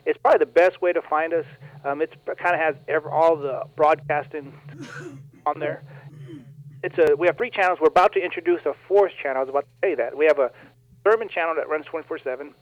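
Brief: folksy, animated preacher guest, fairly high voice, dull lo-fi sound. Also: male voice, quick pace, dry recording. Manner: animated, folksy, laughs often. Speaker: minister and guest. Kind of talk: casual storytelling interview.

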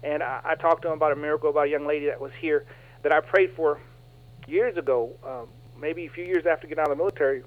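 Brief: folksy, animated preacher guest, fairly high voice, dull lo-fi sound. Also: male voice, fast. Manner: animated, folksy, laughs often. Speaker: minister and guest. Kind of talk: casual storytelling interview.

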